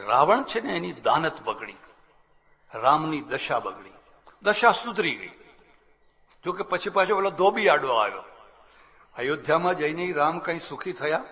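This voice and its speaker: Older swami, storyteller preacher, forceful bright tone, reverberant hall. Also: male voice, on the high side, sing-song, measured pace, long pauses. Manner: folksy storytelling, acts out quoted people, chuckles. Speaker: swami giving a religious discourse. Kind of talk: spiritual discourse with anecdotes.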